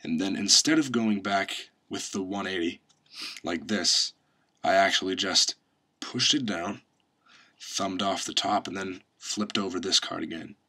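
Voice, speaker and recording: A man's voice: deep voice, unhurried, pushed and bright. A man presenting a step-by-step magic tutorial, instructing and reciting card magician patter as he demonstrates.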